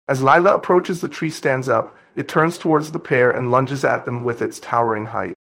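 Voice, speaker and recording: A man's voice: medium pitch, steady tone, normal speed, gravelly, fairly bright tone. A man acting as game master, setting scenes in a plain, brief way. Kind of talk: narrating a role-play game.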